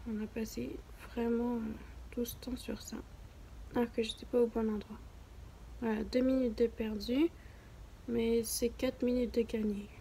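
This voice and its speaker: Young french-born woman vlogging, bit high voice, rambly and self-mocking, slips into whispers, faint hiss behind. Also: little pitch movement, unhurried, mellow. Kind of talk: casual chat while browsing clothes online.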